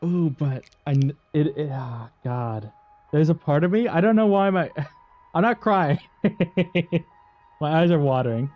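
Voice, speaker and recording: A man streams a game, chatting casually to himself, laughing often, and repeating words when he gets frustrated. His voice is a little high and his pace measured, with dry, phone-quality sound and faint music in the background.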